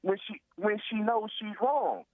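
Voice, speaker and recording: A man's voice: high voice, animated, unhurried, dry recording. Rambling male caller over the phone. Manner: rambling, repeats "long story short" and "you see what I'm saying". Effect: heard over the phone. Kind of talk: casual call-in chat. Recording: tinny phone line.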